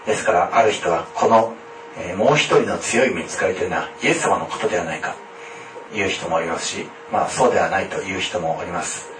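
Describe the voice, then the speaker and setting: A man preaching a sermon in a formal, measured way, often pausing on hesitant fillers. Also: sits low. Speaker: pastor. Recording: echoey room, distant mic, faint noise.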